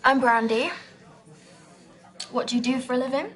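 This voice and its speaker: A woman's voice: high voice, fairly even intonation, fairly bright tone. A woman playing Brandy, a direct, ambitious young woman on a speed date who fires questions at her date. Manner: direct and brisk. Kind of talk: live-action game acting.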